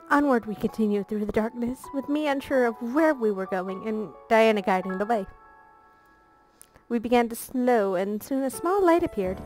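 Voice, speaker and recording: A woman's voice: fairly high pitch, rough recording. A woman reading a visual novel aloud as a let's play narrator, playful and breaking off for jokey asides.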